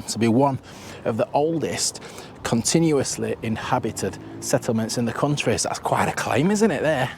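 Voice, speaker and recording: A man's voice: medium pitch, noisy background. A man hosting a travel vlog, chatting casually as he walks through town streets, often restarting and turning to the viewer with asides. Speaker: travel vlogger and host. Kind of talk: casual walking-tour commentary. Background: background music.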